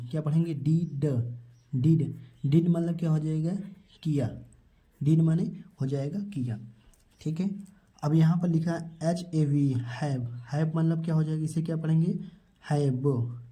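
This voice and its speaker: A man's voice: fairly high pitch, dark tone. A man teaching an English spelling and pronunciation lesson. He asks each question and answers it himself, repeating every word and calling his viewers children.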